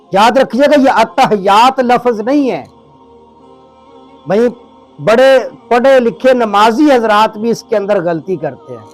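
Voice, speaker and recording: A man from Pakistan teaching prayer recitation with a Pakistani Urdu accent, slowing down to pronounce words syllable by syllable. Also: high voice. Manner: slows down to spell out words syllable by syllable. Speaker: religious teacher. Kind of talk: recorded lesson on prayer recitation.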